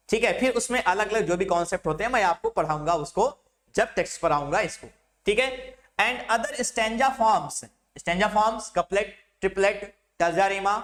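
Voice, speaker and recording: A man teaching English literature in Hindi, stretching the English terms out slowly as he lectures through a syllabus. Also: sits high, a bit bright.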